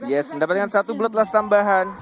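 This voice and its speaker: Very high-pitched excitable Indonesian male game announcer. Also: fairly quick, over music. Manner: excitable fighting-game announcer delivery, exclaiming and repeating words. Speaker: esports match commentator. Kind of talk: live play-by-play game commentary.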